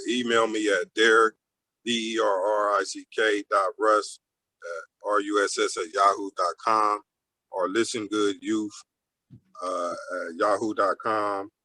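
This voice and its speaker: A man organizing community marches, speaking casually on a panel with many fillers and pauses. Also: on the low side, fairly even intonation, pushed and bright, no echo, low-quality recording. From Ohio. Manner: filler-heavy, halting.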